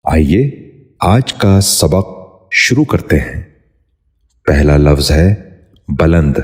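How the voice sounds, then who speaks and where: A man narrating a scripted pronunciation lesson, formal and courteous, repeating each word slowly and carefully. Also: extremely low pitch, animated. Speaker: Urdu pronunciation teacher.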